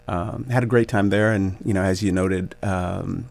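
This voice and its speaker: A man in his forties, a basketball coach, speaking as a guest in a radio interview, thoughtful and grateful, laughing easily and pausing with many fillers. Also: low voice, steady tone, gravelly, darkish tone. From Canada.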